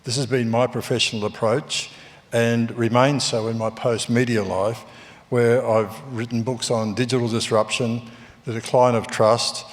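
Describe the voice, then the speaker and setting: On a theatre stage, a former newspaper editor moderates a panel discussion, speaking in a measured way with frequent ums and uhs. His voice is mid-range, and the recording carries theatre hall reverb.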